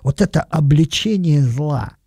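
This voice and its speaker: Older male preacher, husky voice, dry close sound, thoughtful, lingers on words. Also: fairly high pitch, lively intonation, a little slow, mellow, no echo. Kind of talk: reflective sermon.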